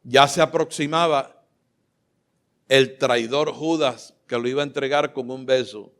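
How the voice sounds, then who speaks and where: A man preaching a sermon, impassioned and fervent, climbing to loud exclamations and at times choked with emotion. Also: mid-range voice, fairly even intonation, unhurried. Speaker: pastor. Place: church sanctuary.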